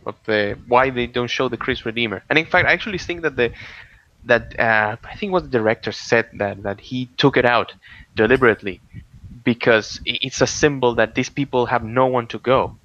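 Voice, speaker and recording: A man co-hosting a casual podcast, telling stories in an animated way with many restarts and sudden excited outbursts. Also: mid-range voice, normal speed. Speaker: podcast co-host. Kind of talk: casual political chat. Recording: dull lo-fi audio.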